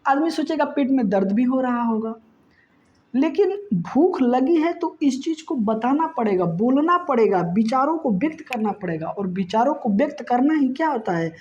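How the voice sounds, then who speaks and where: A woman teacher walks through exam questions one by one, explaining each answer in a conversational, repetitive way. Her voice sits a bit high yet sounds warm and mellow. The recording is dull and lo-fi. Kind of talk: exam-prep lesson.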